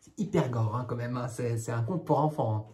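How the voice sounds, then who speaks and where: A man with a dark, mellow voice reading a children's story aloud at an even middle pitch. He steps out of the text now and then with casual, wry asides. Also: fairly quick. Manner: casual, wry commentary between passages. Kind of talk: read-aloud with jokey spoken asides.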